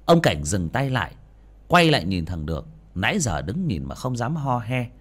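A man's voice: mid-range voice, moderate pace. A man narrating an audiobook story dramatically. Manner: dramatic, expressive.

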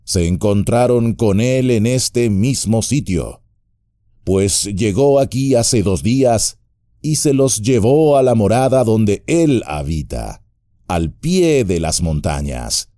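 A man voicing an old, wise and wry male wizard in an audiobook, speaking in a measured, gently humorous way. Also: fairly low pitch, animated, dry recording, clean studio sound, voice pushed up. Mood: wry calm.

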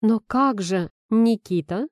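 A woman's voice: fairly high pitch, takes it slowly, a little mellow, no room sound. Lady doing a nervous young doc guy, impatient and pushy, dry audio. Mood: anxious, hurried. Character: young male doctor, anxious and impatient.

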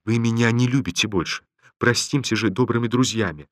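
A man voicing a meek young officer who speaks in a soft, subdued, pleading way. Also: mid-range voice, fairly quick, no room sound, studio quality, natural voice.

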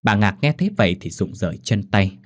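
Expressive low-voiced male storyteller. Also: a little fast. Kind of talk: scripted ghost story narration. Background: faint music.

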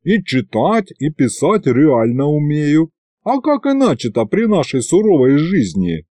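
A man's voice: a little high, very animated, measured pace, warm tone, no room sound, studio quality, pitched above the performer's own voice. A man voicing a cocky male imp who plays at being tsar, talking in swaggering street slang.

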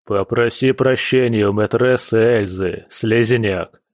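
A man's voice: fairly low pitch, slow pace, no room sound. A man doing a burly, threatening stableman. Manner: blunt, threatening.

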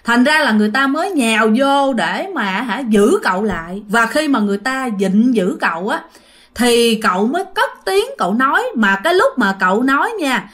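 A young woman narrates a ghost story in a relaxed, chatty way. She keeps turning to her listeners as she goes. Her voice sits a little high. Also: normal speed. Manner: chatty, addresses listeners directly.

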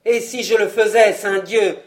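Woman reading as a gruff old noble dad, sarcastic, kinda booming, lower and louder than her narration. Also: expressive, measured pace, lightly acted. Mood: angry. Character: scheming middle-aged nobleman father, blustering.

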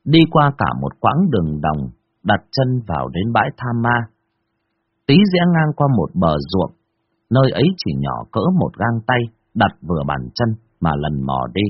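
A man narrating a folk ghost story in an expressive, dramatic way. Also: low voice, normal speed, husky, dry recording, phone-quality sound.

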